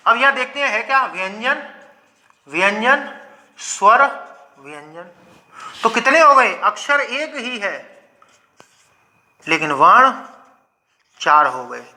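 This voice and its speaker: A man teaching Hindi grammar in a lecture, asking questions and answering them himself, repeating example words slowly. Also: sits high, sharp tone. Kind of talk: classroom lecture.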